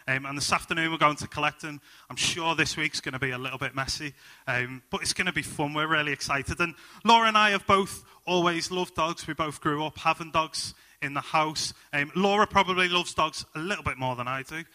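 A man's voice: a little high, a little fast, pushed and bright. A young man with a Liverpool accent preaching a sermon full of personal stories, upbeat and jokey, with plenty of ums.

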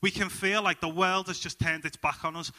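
Man, Liverpool accent, young adult, preacher, casual sermon, jokey, fairly high voice. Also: fairly even intonation, fairly quick, sharp tone. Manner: chatty, jokey and upbeat, many ums. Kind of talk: sermon with personal stories.

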